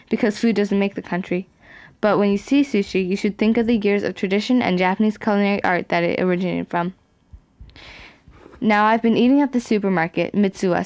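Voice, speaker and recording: A woman's voice: mid-range voice, a little mellow. A teenage girl, a student, narrating a reflective personal essay over her footage. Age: teens.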